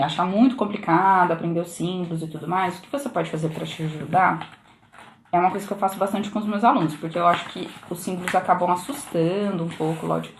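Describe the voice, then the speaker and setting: A woman's voice: fairly low pitch, a little hiss or hum. A woman from Brazil giving a casual live lesson on English pronunciation, explaining in a chatty way with frequent question tags, recorded on a phone indoors. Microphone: phone camera on a live stream.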